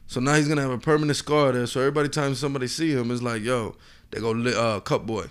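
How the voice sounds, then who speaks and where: A man with a mid-pitched voice talks like a frat bro in loose, slangy banter. He co-hosts a podcast and keeps it casual and conversational. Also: fairly even intonation, quick pace, clear, resonant tone. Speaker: podcast co-host.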